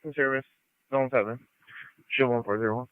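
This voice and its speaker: Brisk man over tinny police radio. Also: medium pitch, fairly even intonation, clean tone, no echo. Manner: terse, brisk codes. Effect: police radio transmission. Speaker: police officer calling in to dispatch. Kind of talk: clipped radio call-in.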